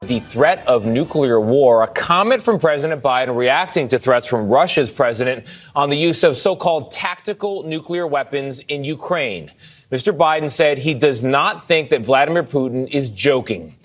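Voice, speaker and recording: Male news anchor, TV news report, measured and even, mid-pitched voice.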